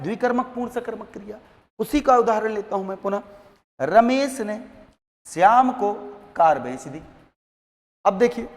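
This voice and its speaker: A man teaching a Hindi grammar class, asking questions and answering them himself. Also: high-pitched. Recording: long hall reverb.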